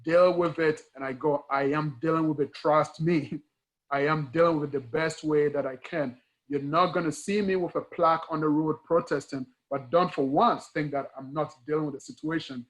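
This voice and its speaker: An engineering educator from Ghana, appearing as a guest speaker, talks with a Ghanaian accent in a moderately paced, steady-toned voice on the high side. He's earnest and emphatic in this conversational interview, leaning on repeated key words and rhetorical questions. The recording is rough.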